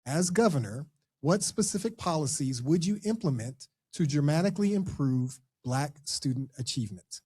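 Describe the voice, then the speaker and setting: Fairly high-voiced male moderator. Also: lively intonation, normal speed, warm tone, slightly rough. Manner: friendly, procedural. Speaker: forum moderator. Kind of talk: moderating a forum.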